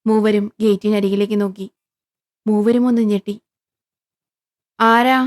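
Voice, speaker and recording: A woman narrating a horror story in a steady, scripted reading. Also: mid-range voice, brisk.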